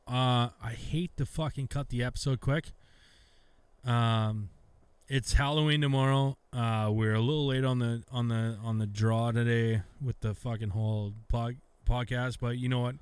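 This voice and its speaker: Brief: Canadian guy, mid-pitch, profane rambling podcast co-host, dry close mic. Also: steady tone, unhurried, clear, resonant tone, no echo. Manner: profane, rambling, restarts often. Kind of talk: casual beer podcast chat.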